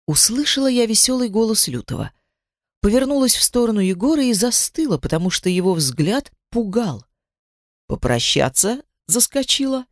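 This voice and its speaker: A woman narrating a first-person novel in an expressive, dramatic reading voice. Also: on the high side, a little fast, no echo, studio quality. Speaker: audiobook narrator.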